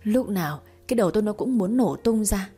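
A sulky, exasperated young husband who mutters his complaints, read by a woman narrator. The voice is warm and slightly husky. Soft music sits under the storybook. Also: mid-range voice, animated, brisk. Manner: grumbling, put-upon.

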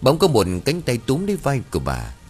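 A man narrating a scripted ghost story in a dramatic, expressive storytelling manner. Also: mid-range voice, brisk, husky, faint music behind.

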